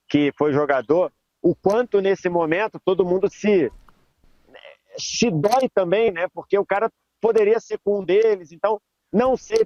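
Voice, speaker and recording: A man reporting from the stadium to a sports debate panel, slow and reflective as he recounts what he saw. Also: high-pitched, a little mellow, no echo, lo-fi sound.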